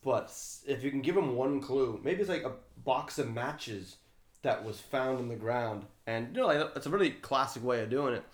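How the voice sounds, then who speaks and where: Guy riffing on story ideas, mid-pitched, lots of like and you know, roomy echo. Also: animated, moderate pace. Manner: loose and rambling, full of "like" and "you know". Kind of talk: casual brainstorming chat.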